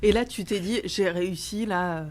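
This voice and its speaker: A woman's voice: mid-range voice, moderate pace, darkish tone. A woman hosting a podcast interview, chiming in with frequent short agreements and finishing the guest's thoughts. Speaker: podcast host. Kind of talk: casual interview.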